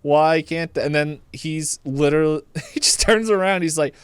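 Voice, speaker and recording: A podcast co-host chats casually about movies and retells things jokily, laughing through his own telling. His voice is a little high, clear, and resonant, at a moderate pace with no echo.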